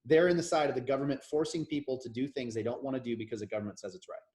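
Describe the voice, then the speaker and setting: A very fast talker with a medium-pitched, slightly mellow voice and fairly even intonation, this American man in his thirties co-hosts a podcast. His casual political talk is opinionated and rambling, full of restarts.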